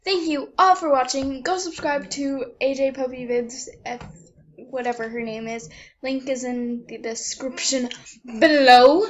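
A woman's voice: high voice, measured pace, muffled recording. A young woman vlogging at home in a rambling, casual way, giggling and poking fun at herself. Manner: giggly and self-mocking. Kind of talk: rambling casual vlog chat. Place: at home with a dog nearby.

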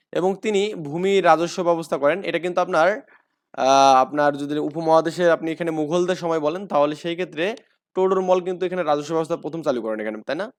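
A man with a Bangladeshi Bengali accent teaching an exam-prep lesson. He asks questions, answers them himself, repeats key facts and uses a lot of fillers. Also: on the high side. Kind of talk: explaining lecture.

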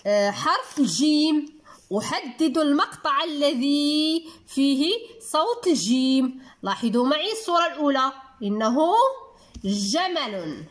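A woman's voice: sits high, lively intonation. A woman with a Moroccan accent teaching a reading lesson to young children, patiently stretching out words syllable by syllable. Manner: drawn-out, syllable-by-syllable word spelling. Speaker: primary school teacher.

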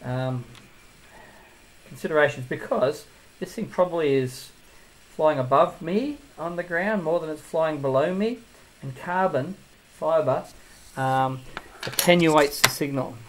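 A man's voice: a little high, a little slow, pauses often, rough recording. A man giving a casual hands-on tutorial as he builds a drone, thinking aloud and drifting into asides.

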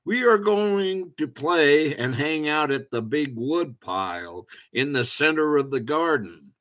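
A man's voice: on the high side, expressive, takes it slowly, a bit bright, voice pushed up. Little ladybug girl, friendly and upbeat, storybook character, voiced by a man. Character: cheerful young girl ladybug.

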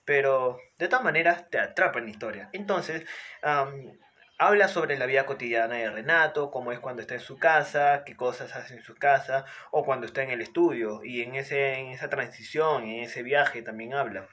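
A man's voice: mid-range voice, moderate pace, bright, forceful tone. A man casually talking through a novel's plot, full of filler words and restarts. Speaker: book reviewer. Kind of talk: casual spoken book analysis.

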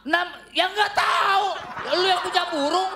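A man's voice: extremely high pitch, unhurried, a loud crowd, heavy background noise. A male comedian on a live TV comedy show bantering back in an exasperated way.

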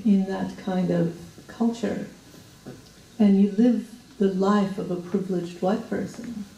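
An older woman from Ethiopia, a guest talking in a measured, reflective way with hesitations into a handheld mic on a small stage. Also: mid-range voice, dark tone, recorded from a distance. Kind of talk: interview conversation. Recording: roomy hall sound from afar.

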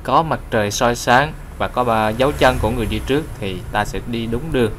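A man with a Vietnamese accent teaching Chinese, explaining characters and leading slow, clear repetition drills. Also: mid-range voice, fairly bright tone, slight background noise. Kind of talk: language lesson with read-aloud drills.

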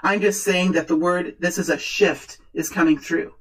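A woman speaking as a fortune teller, improvising a tarot reading in earnest, halting, repeated short phrases. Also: lowish voice, fairly even intonation, rough recording. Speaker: tarot reader, host.

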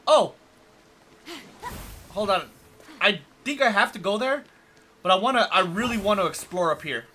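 A young man giving casual, playful and excitable commentary while playing a video game. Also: sits high, normal speed, a little hiss or hum. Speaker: gaming video host. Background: video game music.

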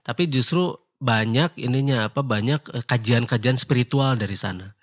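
A man calmly explaining religious teachings in a casual radio discussion, laughing now and then. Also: medium pitch, normal speed. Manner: calm, explaining, laughs easily, mixes in local words. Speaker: martial arts teacher answering questions. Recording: dull lo-fi online radio sound.

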